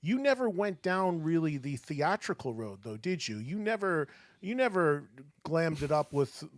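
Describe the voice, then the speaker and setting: A man's voice: on the high side, sing-song, normal speed, no echo. A man, asking questions as an interviewer in a conversational radio style.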